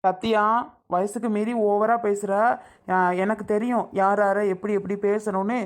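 A woman's voice: medium pitch, flat delivery, moderate pace, a little mellow, lightly acted. A woman playing a stern middle-aged father in a family skit, bossy and scolding toward his daughter.

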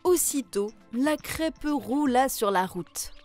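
A woman narrating a children's fairy tale in a clear, measured way. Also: high-pitched, expressive, darkish tone, soft background music.

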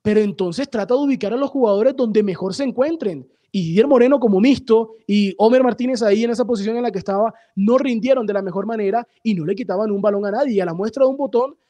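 A man giving sports radio commentary, explaining a match calmly and addressing the listeners directly. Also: high voice, quick pace, hardly any pauses, dry recording.

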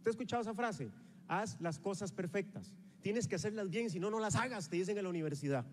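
Speaking fast in a high voice, a Costa Rican man in his forties gives a motivational stage speech in Costa Rican Spanish at a sales rally. He walks the stage of a large convention hall with a handheld microphone, gesturing and energetically rallying the live audience, and the hall's reverberation carries through the recording.

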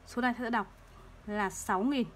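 A woman teaching third-grade math, explaining place values slowly and patiently and repeating each number. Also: fairly high pitch, fairly bright tone, a little hiss or hum. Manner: slow, patient, repeats numbers to drill them.

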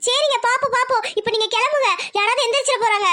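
A woman voicing a timid young village woman in love, talking in an anxious, hushed, pleading way in a cartoon. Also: very high voice, very fast. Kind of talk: cartoon voice acting.

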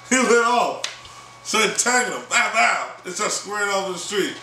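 A man's voice: high-pitched, lively intonation, normal speed, sharp tone, roomy sound, recorded from a distance, slight background noise, rough recording. Slangy, laughing man telling a street story.

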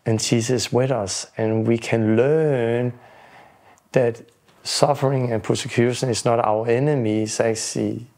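A man's voice: medium pitch, steady tone, darkish tone. Earnest Danish-accented man preaching. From Denmark. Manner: earnest, repeats words when starting, halting restarts. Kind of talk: earnest testimony to camera. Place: indoor home room.

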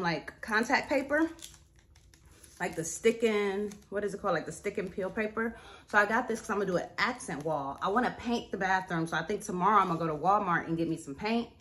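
A woman's voice: medium pitch, fairly bright tone. Chatty young woman vlogging, lots of y'all. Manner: chatty, says "like" and "y'all" a lot. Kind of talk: casual vlog chat to camera. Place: apartment at home, then a store.

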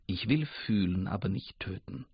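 A man's voice: low voice, expressive, moderate pace, gravelly, husky, dry recording, full character voice. A man voicing Thinking as a curious, eager figure that insists on knowing, in a dull lo-fi radio recording. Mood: eager, insistent.

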